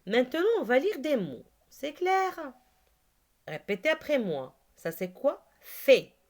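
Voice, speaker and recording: A woman teaching a reading lesson, saying each word slowly and clearly and asking learners to repeat after her. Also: sits high, wildly swooping pitch. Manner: slow, clearly articulated, repeats words for learners to echo.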